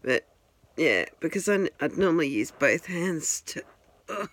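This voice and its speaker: This woman's voice sits low, with lively intonation and an unhurried delivery. A vlogger, she holds her phone and talks casually to its camera at home, wandering off topic and teasing herself.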